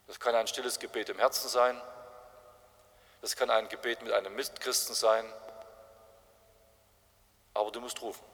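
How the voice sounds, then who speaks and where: A man's voice: medium pitch, steady tone, normal speed, a bit bright. A man preaching an evangelistic sermon, telling stories with strong emphasis. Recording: long reverb of a large hall.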